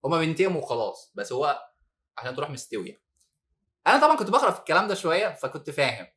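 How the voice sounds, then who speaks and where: Fast-talking Egyptian man, bright voice. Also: a little high. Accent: Egyptian Arabic. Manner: animated, laughs while recounting hardship. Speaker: former detainee guest. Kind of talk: podcast interview storytelling.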